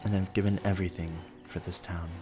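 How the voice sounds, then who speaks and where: A man rambling softly and sleepily, musing gently and without hurry in short phrases as he hosts. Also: deep voice, little pitch movement, fast, over music. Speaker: host of a relaxed rambling show. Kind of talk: soft sleepy rambling, narrating a town-building game.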